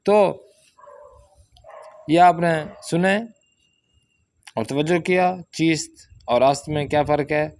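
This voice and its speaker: A man with a fairly high voice walks learners through a Persian workbook. He reads each example sentence slowly, then explains it in plain, patient terms. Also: darkish tone. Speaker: Persian language teacher. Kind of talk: teaching a workbook lesson.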